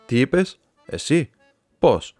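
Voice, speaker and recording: A man's voice: medium pitch, big pitch swings, darkish tone, no room sound, soft background music, voice pushed up, close to an everyday voice. A man voicing an irritable middle-aged magistrate who questions sharply and gets flustered. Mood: interrogating.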